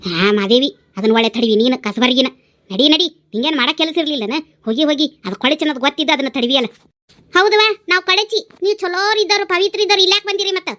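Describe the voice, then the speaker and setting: Shrill quarreling village women. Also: female voice, pushed and bright. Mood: scornful. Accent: North Karnataka Kannada. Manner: shrill, scolding, rapid-fire insults. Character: brash, foul-mouthed village women trading insults. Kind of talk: cartoon voice acting.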